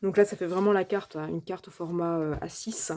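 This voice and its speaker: Woman, warm mellow voice, casual craft review, chatty, hesitant, searches for words. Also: lowish voice, steady tone, brisk. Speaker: crafting channel host. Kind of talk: casual unboxing and product review.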